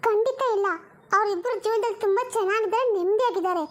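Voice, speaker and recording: A woman's voice: extremely high pitch, fast. A woman voicing an indignant young woman who defends herself and reassures her family. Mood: worried.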